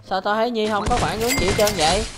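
A man's voice: high voice, quick pace, over music. A young man with a Southern Vietnamese accent, a gaming YouTuber arguing indignantly over voice chat and hurling accusing retorts. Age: young adult. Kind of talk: heated in-game voice chat argument.

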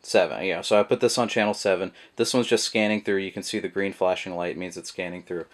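This product reviewer talks fast in a low voice while walking through how to use a product. Recorded by the camera mic at a table indoors, he's laid-back and meandering, with many filler words.

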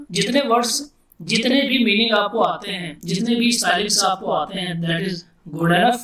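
A man with an Indian accent teaching English vocabulary in a casual classroom style, repeating words slowly and asking himself questions as he explains. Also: high voice, pushed and bright. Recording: echoey room, distant mic.

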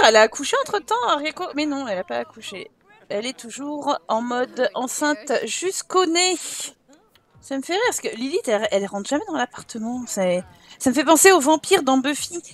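A woman's voice: high-pitched, animated, fairly quick. A woman hosting a let's play, giving casual commentary and teasing her game characters as she plays.

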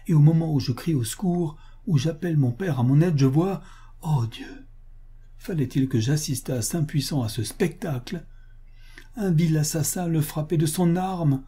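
A heartbroken young bride, trembling and pleading through her grief, as a male audiobook reader puts her on. The voice is dark and mellow with a husky edge. It rises higher than the reader's own voice when she cries out. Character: grief-stricken young woman, sobbing bride. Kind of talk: audiobook character reading.

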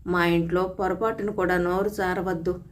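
Storybook figure: a timid young bride with a small, soft voice, read by a woman. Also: fairly low pitch, level tone, normal speed, close to an everyday voice. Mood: gentle, pleading. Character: meek, gentle young bride from a poor home.

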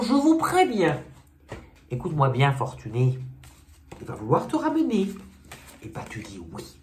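A man putting on the voice of a bossy elder relative who scolds and lectures about family honour, in a shrill, theatrical comic bit. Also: heavily acted. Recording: echoey room, faint noise.

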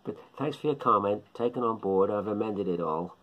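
Talking casually into a phone or webcam held close, a middle-aged shortwave radio hobbyist vlogs from a small indoor living room. His fairly low voice has lively intonation and a moderate pace, with phone-quality sound. He muses aloud, wanders, and says things more than once.

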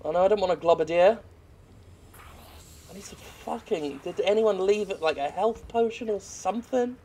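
There's a little hiss or hum as this British man with a high-pitched, dark-toned voice talks at a normal pace over gameplay. He swears freely in casual, self-deprecating, rambling commentary, and faint game sounds can be heard.

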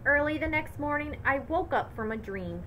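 Bright, expressive woman reading aloud. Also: high voice, moderate pace, slight background noise, low-quality recording. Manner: lively, expressive storytelling. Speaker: teacher. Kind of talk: reading a picture book aloud to children.

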